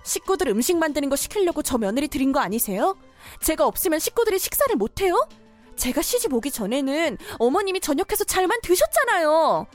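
Woman playing a young wife who wont back down, high lively voice, cartoon drama. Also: fairly quick, soft background music. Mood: defiant. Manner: polite at first, then pushes back firmly. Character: young married working woman, daughter-in-law. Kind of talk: dubbed cartoon story drama.

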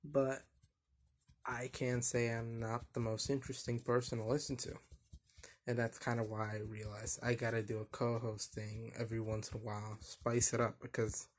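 A young man hosting a casual solo podcast, talking in a flat, monotone voice that rambles and hesitates with lots of fillers. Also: medium pitch, normal speed. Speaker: podcast host.

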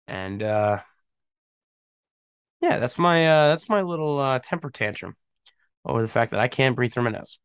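A young man hosts a podcast solo, rambling in slangy, casual chat and laughing often, his nose stuffed up from a cold. His medium-pitched voice is gravelly, slightly bright and smooth. The studio-quality recording has no echo.

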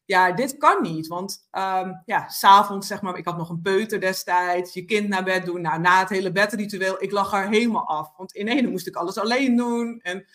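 Woman, podcast guest, reflective, hesitant, lots of fillers, mid-pitched voice. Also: normal speed, hardly any pauses, fairly bright tone. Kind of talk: personal storytelling in conversation.

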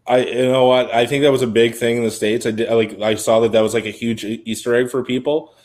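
Brief: man in his own everyday voice, mid-pitched, rambling casual podcast chatter. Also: level tone, quick pace, a little mellow. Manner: rambling, heavy use of "like". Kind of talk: casual chat about a TV series.

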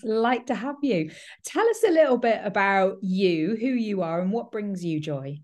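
A woman hosting a podcast interview, her voice croaky from a cold, introducing her guest effusively. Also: medium pitch, lively intonation, moderate pace, a little mellow. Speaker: podcast host. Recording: music playing behind the voice.

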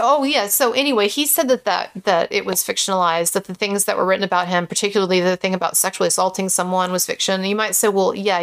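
A woman host with vocal fry in a lowered voice, giving casual, opinionated commentary. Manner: speaks in a lowered pitch.

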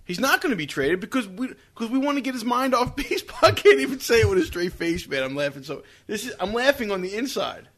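Joking man, higher voice. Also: big pitch swings, quick pace, hardly any pauses, fairly bright tone. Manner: joking, needling questions. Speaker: sports talk host. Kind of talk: casual sports banter. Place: home basement.

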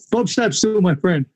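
A man's voice: sits high, darkish tone. A man, a former kickboxer, telling stories in a casual interview, candid and swearing freely with lots of fillers.

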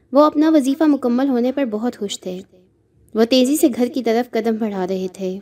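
A woman narrating a horror story aloud in a steady, measured reading voice. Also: on the high side.

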